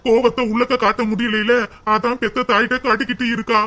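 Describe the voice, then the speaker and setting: A man voicing a calm, placating son-in-law in a cartoon. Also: very high-pitched, fast talker. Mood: soothing.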